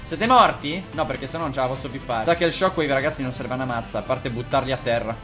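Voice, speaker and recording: A man giving let's-play commentary on a game, excitable and joking, swearing often as he reacts to the action. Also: mid-range voice, fast talker. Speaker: gaming YouTuber. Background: faint game music.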